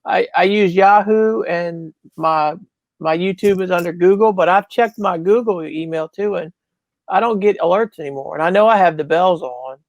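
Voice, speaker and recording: A man's voice: high voice, moderate pace, dry recording, highs cut off. A man in a casual podcast chat, easygoing and chuckling as he talks.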